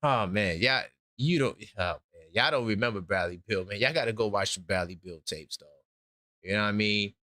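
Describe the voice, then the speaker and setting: A man's voice: on the low side, fairly quick, sharp tone, no echo, studio quality. A man in his forties hosting a sports talk show, emphatic and repeating his points. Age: 40s. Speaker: host.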